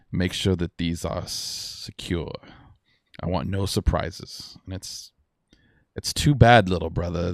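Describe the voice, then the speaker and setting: A man voicing a swaggering, ruthless male pirate lord in a tabletop game, talking in a smug, drawn-out, menacing way. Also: sits low, gravelly, darkish tone, no echo, clean studio sound, full character voice. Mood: gloating.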